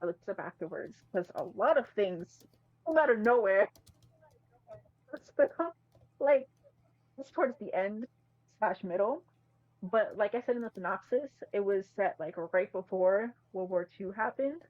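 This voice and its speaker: A woman's voice: mid-range voice, expressive, measured pace, dry recording. A woman co-hosting a podcast, reviewing a movie in an emphatic, slangy, casual chat. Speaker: podcast co-host. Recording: slightly muffled, dry mic.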